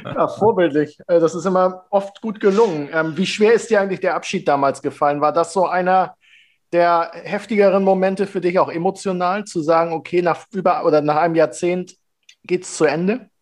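A man with a high, light voice hosts the interview. He asks his questions in a friendly, lightly joking, conversational way. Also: steady tone, brisk. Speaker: interviewer, host.

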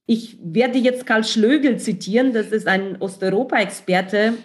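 A middle-aged woman from Ukraine, a guest in an interview, speaking in a thoughtful, measured and earnest way. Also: fairly high pitch. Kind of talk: conversational interview.

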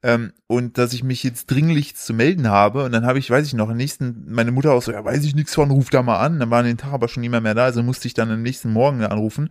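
A man's voice: medium pitch, steady tone, fast, few pauses, dry recording. Chatty young man, dry close sound. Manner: rambling anecdotes with many fillers, acts out voices. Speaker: podcast co-host. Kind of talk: casual chat, storytelling.

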